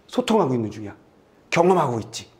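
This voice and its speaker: A middle-aged man lecturing on a test passage in a lively, playful way. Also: mid-range voice, fast. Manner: lively, playful, acts out little scenes and sound effects. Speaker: Korean literature tutor. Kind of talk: lecture with acted examples.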